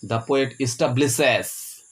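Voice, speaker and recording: A man teaching a poem. He speaks with heavy emphasis, spells words out letter by letter and checks in with "Clear?". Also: mid-range voice, slow pace. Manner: ends points with a rising "Clear?". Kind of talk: poetry lecture.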